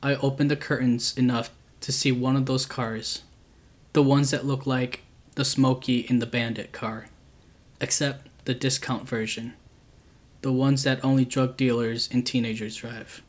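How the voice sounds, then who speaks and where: Speaking at a medium pitch, this channel host reads true scary stories aloud. His delivery is calm, steady, and never rushed.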